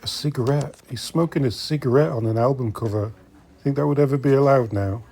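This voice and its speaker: His mid-range voice is mellow with a breathy edge, and he speaks fairly quickly. A middle-aged man hosting a vintage collecting vlog, he browses a secondhand shop, giving viewers chatty, casual commentary and sometimes muttering to himself.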